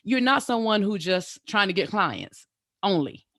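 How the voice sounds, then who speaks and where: A woman's voice: mid-range voice, very animated, a little slow, a bit bright, studio quality. A woman hosting a podcast who affirms her guest and echoes back her words. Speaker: podcast host. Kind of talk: casual interview talk.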